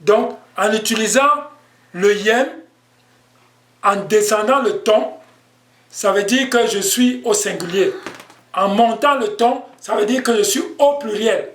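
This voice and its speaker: A man with a high voice teaches a language lesson at an unhurried pace, patiently repeating his points. The sound is echoey, as if recorded in a bare room. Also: fairly bright tone. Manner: slow, patient explaining with repetitions.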